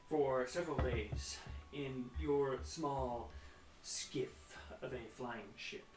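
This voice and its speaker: A man's voice: on the high side, far from the mic, a little hiss or hum. A man narrating as game master in a tabletop game, chatty and laughing often. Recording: echoey room, off mic.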